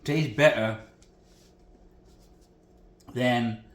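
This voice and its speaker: A man's voice: medium pitch, drawn-out words. A man hosting a home cooking channel, chatting in a folksy, rambling way as he demonstrates a recipe in his kitchen. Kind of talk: casual cooking demo. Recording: echoey kitchen room.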